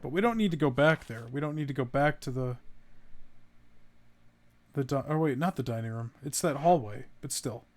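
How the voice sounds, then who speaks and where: A man's voice: mid-range voice, expressive, moderate pace, pauses often. A man streaming a horror game, commenting casually, swearing when startled and reading in-game notes aloud. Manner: jumpy, swears when startled, laughs at grim text.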